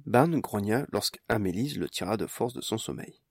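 A man reading an audiobook in scripted narration, with animated storytelling. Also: fairly low pitch, normal speed, slightly rough, dry recording, studio quality.

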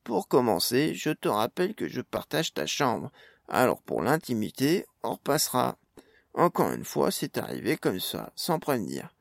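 A man's voice: medium pitch, big pitch swings, normal speed, creaky, no room sound, studio quality. A man voicing a cheeky, blunt male gnome with a casual way of talking.

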